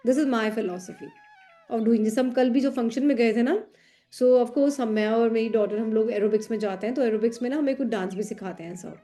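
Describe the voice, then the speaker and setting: Lively Hindi-English chatting woman. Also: a little high, normal speed, faint music behind. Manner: animated storyteller acting out dialogue. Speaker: tarot student. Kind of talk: casual chat.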